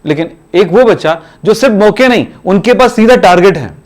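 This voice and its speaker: A man's voice: sits high, animated, moderate pace. A man teaching chemistry in a classroom, urging students to study every day in a repetitive, exhorting way. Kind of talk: classroom lecture.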